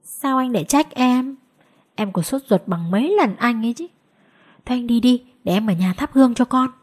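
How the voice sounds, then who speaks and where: A woman voicing an affectionate middle-aged wife in a spoken story. She talks gently and teasingly. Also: fairly high pitch, sing-song, brisk.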